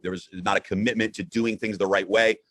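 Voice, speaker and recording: A man hosting a live broadcast in an upbeat, conversational way, often halting and repeating words as he goes. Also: fairly low pitch, level tone, fairly bright tone, no echo. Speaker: host.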